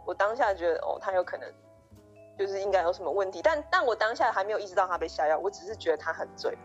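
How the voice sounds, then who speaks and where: Over soft background music and audio with the highs cut off, a young woman tells a story on the podcast she co-hosts. Her mid-range voice is lively and quick. She's eager, restarts many times, and quotes lots of dialogue in this casual storytelling chat.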